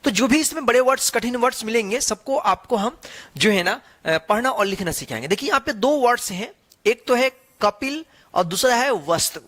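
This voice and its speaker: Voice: medium pitch, animated, normal speed, a bit bright. A teacher giving an online Hindi reading lesson, reading a story one word at a time, spelling out letters and joined forms, and mixing English words into the explanation.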